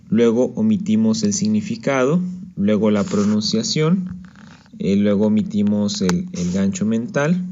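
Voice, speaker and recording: Male teacher, slow and patient, mellow tone, dull lo-fi recording. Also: on the low side. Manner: patient, checks in with "¿ok?". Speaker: Japanese teacher. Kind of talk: slide-based language lesson.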